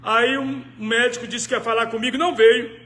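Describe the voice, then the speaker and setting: A Brazilian pastor with a very high, bright, ringing voice tells his story from the pulpit. He drops to a hush, then rises into shouted preaching. The sound bounces around a large, echoey church hall. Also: fairly even intonation, moderate pace, soft background music. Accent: Brazilian Portuguese. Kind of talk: sermon testimony.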